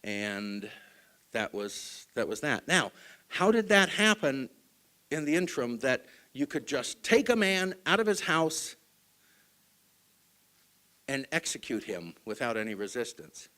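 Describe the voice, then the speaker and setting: Man giving a talk with dramatic hushes. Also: medium pitch, big pitch swings, a little slow, pauses often. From Utah. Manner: dramatic swings between loud and hushed; asks the audience questions. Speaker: speaker at a group meeting. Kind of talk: public talk to an audience.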